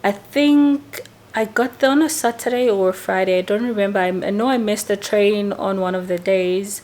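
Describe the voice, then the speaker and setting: A woman's voice: medium pitch, steady tone, normal speed, darkish tone. A woman who teaches English, chatting casually to camera as she tells a long story and often tacks a questioning "right?" onto her sentences. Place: indoors, lawnmower outside.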